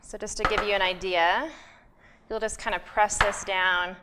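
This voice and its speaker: A woman's voice: mid-range voice, fairly even intonation, normal speed, noisy background. A young adult woman giving a friendly cooking demonstration as a guest nutrition specialist, explaining steps with many fillers.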